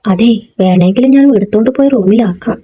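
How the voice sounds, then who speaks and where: A woman's voice: fairly high pitch, fairly quick, slightly rough, lo-fi sound. A woman voicing a wealthy young man in a storybook, protective and teasing, scolding in a light way.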